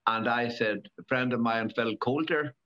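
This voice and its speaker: A man in his seventies, a former rally driver, talking in a casual interview, halting and repeating words with many fillers. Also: mid-range voice. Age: 70s. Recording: dull lo-fi recording.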